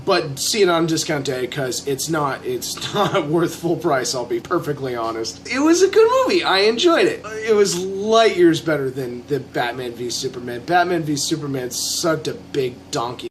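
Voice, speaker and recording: Drunk, higher-voiced man ranting over noise. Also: expressive, normal speed, few pauses. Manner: drunk, rambling with repeated false starts; emphatic, blunt, frequent swearing. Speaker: amateur film reviewer. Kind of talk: casual opinionated video review.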